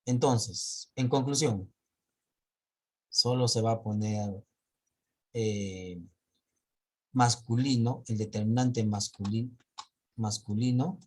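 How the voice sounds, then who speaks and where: Man, teacher, husky voice, step-by-step grammar explanation, online class. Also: medium pitch, steady tone, slow, pauses often, warm tone. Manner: explains step by step, checks with students.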